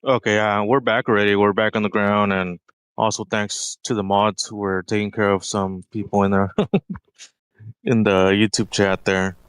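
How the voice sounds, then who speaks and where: A man co-hosting a live stream who speaks hesitantly, with many ums, in an even tone. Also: on the low side, a little slow, smooth, no echo. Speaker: co-host of the stream. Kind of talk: casual live-stream talk.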